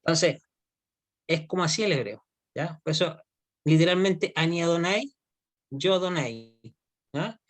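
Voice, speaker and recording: A male teacher giving an online Hebrew lesson. He explains slowly and keeps checking that students follow. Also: on the high side. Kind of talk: online class lecture.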